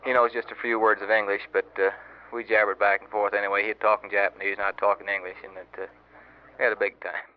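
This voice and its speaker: A young man, a Marine sergeant, telling a long story in a rambling, halting way on an old wire recording. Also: fairly low pitch, level tone. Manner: rambling and halting, many fillers and restarts. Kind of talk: casual spoken letter, storytelling. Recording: muffled old wire recording with faint hiss.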